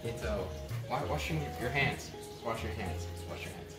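A man's voice: mid-range voice, moderate pace. A young man rambling in a goofy, self-deprecating way while he cooks in a home kitchen. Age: young adult. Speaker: vlogger. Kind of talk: casual cooking vlog. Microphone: camera held by someone a few steps away. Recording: echoey kitchen, far from mic, loud music behind.

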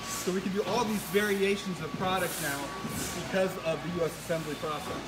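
A man answering questions on a warehouse tour, brisk and confident. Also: high voice. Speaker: company manager. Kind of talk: explaining to a host on a tour. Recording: noisy warehouse ambience.

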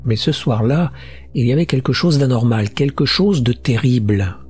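A man narrating a horror short story in a steady, measured reading with tense build-ups. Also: medium pitch. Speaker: audiobook narrator. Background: faint music.

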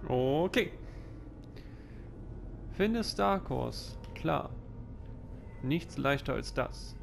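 A man's voice: medium pitch, lively intonation, very slow, creaky, a little hiss or hum. A man giving casual let's play commentary, muttering to himself and swearing now and then. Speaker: let's player.

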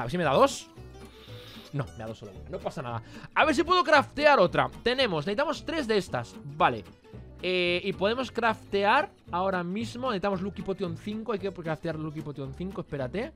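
A young man with a Spain Spanish accent commentates his gameplay, calling out to his viewers and yelling over his dice rolls. His voice sits very high and sounds bright and sharp, and it swings up and down a lot. Faint game music plays behind him. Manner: addresses viewers as "chavales", shouts at big rolls. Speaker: gaming youtuber.

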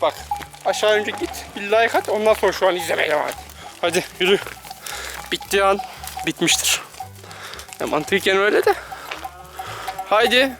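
A man with a high, slightly fast voice and long pauses vlogs while herding his animals on a pasture, coaxing and scolding them with repeated calls and tossing joking asides to viewers. His casual running commentary to camera plays over background music and the sounds of farm animals.

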